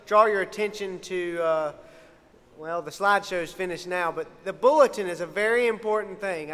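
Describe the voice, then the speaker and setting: Male youth minister, upbeat and informal, high-pitched, giving announcements in a reverberant church hall. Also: fairly bright tone, smooth. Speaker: youth minister and worship music helper. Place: church sanctuary, amplified. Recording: echoey hall with long reverb.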